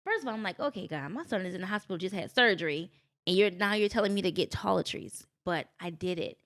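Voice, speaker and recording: A woman chatting as a podcast guest, recounting her own story with energy. She talks casually, and her voice leaps upward whenever she acts out what others said. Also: fast. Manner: animated storytelling, jumps into high voices for quotes.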